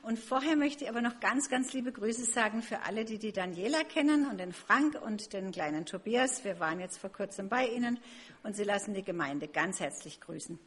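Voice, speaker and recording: Husky woman reading a story to children. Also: mid-range voice, animated, brisk. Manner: friendly and chatty, talking to the children. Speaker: children's story reader at a church service.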